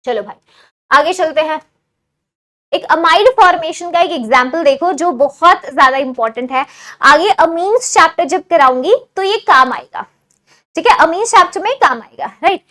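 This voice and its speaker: High-voiced woman teaching chemistry. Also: expressive, normal speed, sharp tone. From India. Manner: keeps quizzing students, asking if it is clear; mixes Hindi with English phrases. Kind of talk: online exam-prep lecture.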